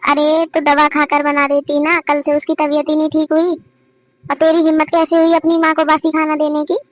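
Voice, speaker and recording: Brief: female VO for a stingy, harsh cartoon mother-in-law, commanding scolds, very high voice. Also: monotone, moderate pace, no echo, close to an everyday voice. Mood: scolding. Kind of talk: cartoon family drama voice acting.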